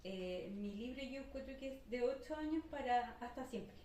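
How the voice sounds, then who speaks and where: A woman on a literary panel speaks in a chatty way and stumbles a little as she gets going. Her voice sits somewhat high. She is heard from far off in a very echoey room, with faint ambience behind her. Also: animated, normal speed, mellow, slight background noise. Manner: chatty, hesitant starts, laughs easily. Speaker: writer and panelist. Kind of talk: casual panel discussion.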